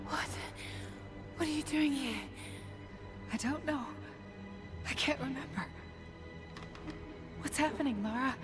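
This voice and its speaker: A woman's voice: high voice, slow pace, long pauses, music in the background. An actress playing a frightened, confused woman in a video game cutscene who speaks in a shaky, pleading way.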